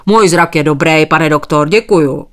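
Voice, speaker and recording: A woman's voice: low-pitched, lightly acted. A woman voicing a stubborn male sheep farmer who politely dodges every request with thanks. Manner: courteous, evasive, dodges with thanks.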